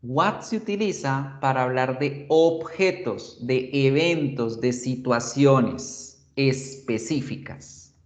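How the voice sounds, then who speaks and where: A male teacher explaining grammar slowly and patiently to his class in an online lesson. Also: mid-range voice. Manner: slow, explanatory, addresses students as chicos. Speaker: English teacher. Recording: echoey, muffled lo-fi recording.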